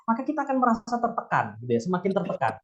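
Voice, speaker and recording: A man's voice: high-pitched, huge pitch swings, rapid-fire, a bit bright, dull audio. A man giving an explanatory talk to parents in a webinar, asking rhetorical questions and often restarting his sentences. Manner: addresses listeners directly, frequent restarts and rhetorical questions.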